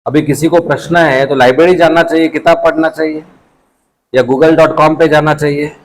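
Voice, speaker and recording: A man playing a patient, gentle wise sage in a told story, voice a touch high. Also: fairly even intonation, moderate pace, natural voice, low-quality recording. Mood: calm. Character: calm wise wandering male sage.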